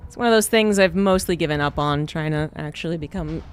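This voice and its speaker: A man with a fairly high, smooth voice talks a bit quickly while streaming a game. He chats casually about the gameplay, rambling in a relaxed way and using lots of fillers.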